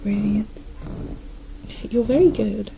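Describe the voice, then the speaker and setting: Gentle, calm woman in soft-spoken nurse role-play, creaky. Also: mid-range voice, takes it slowly, noisy background. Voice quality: soft, breathy half-soft voice. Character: gentle calm nurse doing a scalp check. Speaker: ASMR performer playing a nurse.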